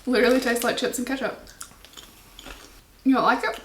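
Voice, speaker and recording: Bubbly high-voiced woman. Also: steady tone, fairly quick, roomy sound, slight background noise. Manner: bubbly, giggly, enthusiastic. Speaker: host. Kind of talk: casual taste-test chat.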